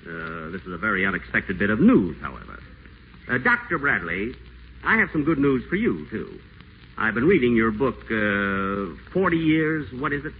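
On a tinny old radio broadcast with faint hiss, a radio celebrity plays an acerbic, scheming, pompous man in a wheelchair in a 1940s radio play. His lowish voice is very animated at a normal speed, with a sardonic, theatrical delivery.

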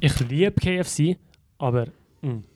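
A man's voice: on the high side, a little slow, darkish tone, no room sound, studio quality. A young man co-hosting a podcast, rambling through chatty stories in casual conversation. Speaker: podcast co-host. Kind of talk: casual chat.

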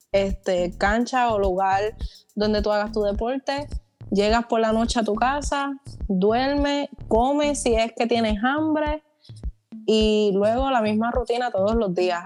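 A woman's voice: mid-range voice, darkish tone. A young woman from Puerto Rico with a Puerto Rican accent, explaining things plainly in a casual podcast chat. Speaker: student athlete podcast guest.

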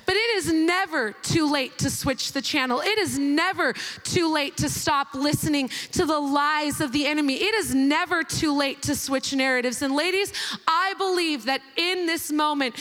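A woman preaching passionately at a conference, swinging between excited and hushed. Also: high-pitched, moderate pace. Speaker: conference speaker. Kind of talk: sermon. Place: conference hall. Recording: large hall reverb.

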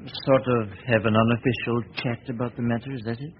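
An actor playing a calm, witty crime-novelist detective in a vintage radio drama, with an urbane, clipped delivery. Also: male voice, mid-range voice, fairly quick, natural voice. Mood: brisk. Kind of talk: 1940s radio acting. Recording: lo-fi old radio recording with hiss.

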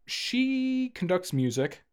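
A man's voice: high voice, very animated, takes it slowly, smooth. A man co-hosting a casual podcast, talking in a loose, rambling way and laughing often. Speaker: podcast co-host. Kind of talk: casual chat.

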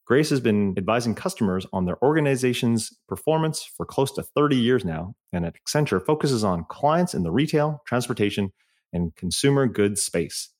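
A man's voice: mid-range voice, animated, normal speed, darkish tone. A man hosting a podcast interview, talking in a friendly, conversational way. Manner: friendly, conversational with filler phrases. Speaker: podcast host.

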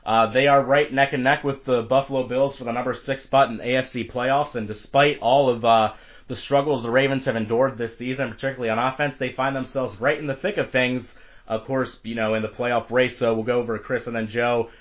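A man hosting a sports podcast who is fighting a cold, so his voice is a bit raspy, talking briskly with lots of filler words. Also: mid-range voice, fairly even intonation, highs cut off. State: has a cold, slightly raspy. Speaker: podcast host. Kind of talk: sports podcast intro and discussion.

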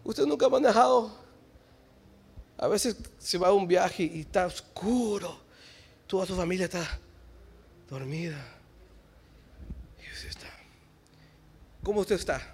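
A man preaching a sermon in church. He swings between shouted exhortation and quiet, joking asides. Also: high-pitched, lively intonation, moderate pace, creaky, pauses often, breathy edge.

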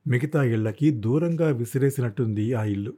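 A man narrating a thriller novel as an audiobook in a steady, dramatic storytelling manner. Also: medium pitch, normal speed, slightly rough. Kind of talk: scripted narration.

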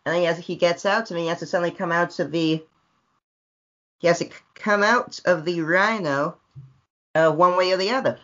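Energetic guest on a muffled call. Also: male voice, high-pitched, normal speed. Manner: energetic, repetitive, bursts into loud yelps. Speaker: recurring podcast guest. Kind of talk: casual review chat. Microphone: video call. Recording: dull lo-fi call audio.

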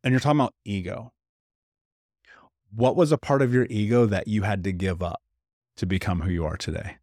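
A man's voice: lowish voice, fairly quick, a little mellow, no room sound, clean studio sound. A man in casual podcast conversation, talking candidly and with emphasis, dropping slang like dude and bro.

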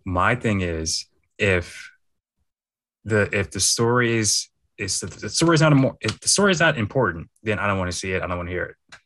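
A man co-hosting a podcast, giving slow, halting opinions with repeated words in casual chat. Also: on the low side, lively intonation, a bit bright, no room sound. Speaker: podcast co-host.

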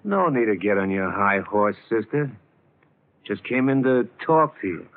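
An actor playing a brutish, boastful young gangster who talks tough street slang, in 1940s radio acting style. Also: male voice, fairly low pitch, expressive, measured pace. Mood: leering. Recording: tinny 1940s radio broadcast.

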